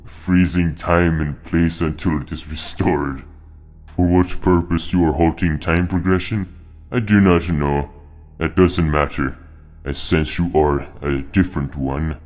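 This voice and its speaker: A man voicing a scheming male bear character delivering a slow, ominous monologue for a game. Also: extremely low pitch, fairly even intonation, darkish tone, faint music behind. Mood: calm.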